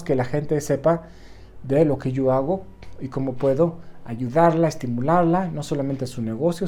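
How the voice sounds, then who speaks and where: A man's voice: mid-range voice, dark tone. A Mexican man talking casually and encouragingly to his viewers, often tagging his sentences with a questioning "right?". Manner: keeps adding a questioning "right?" tag; encouraging, talks straight to the viewer. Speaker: motivational vlogger. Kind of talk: casual motivational monologue.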